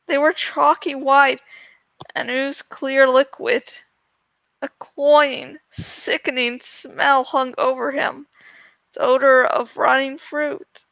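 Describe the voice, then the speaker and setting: Reading slowly in a high, gravelly voice with a level tone and a bit of brightness, an amateur audiobook narrator performs a storybook dramatically. She trips over words and jokes at her own expense. The recording is rough, though free of room sound.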